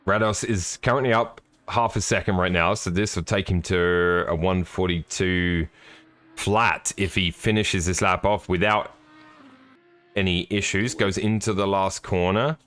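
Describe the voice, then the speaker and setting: A man's voice: low voice, steady tone, unhurried, a bit bright. A man giving live, chatty sim racing commentary with jokey, apologetic asides.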